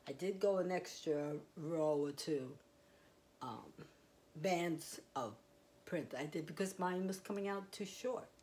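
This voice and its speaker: Low-voiced woman chatting about crochet. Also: unhurried, darkish tone. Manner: rambling, chatty, with fillers and small laughs. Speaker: crochet vlogger. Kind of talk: casual show-and-tell. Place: quiet home, indoors. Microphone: clip-on mic.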